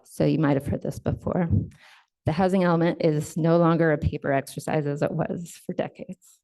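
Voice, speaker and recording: Giving a slide-based conference talk, a woman on the state's housing enforcement staff explains in a measured manner, pausing on fillers and fixing her own wording. Her voice is low, dark and steady in tone.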